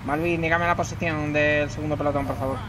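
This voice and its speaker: A man from making brisk military radio calls over a walkie-talkie channel as a platoon operator in a gaming session. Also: a little high, steady tone, noisy background.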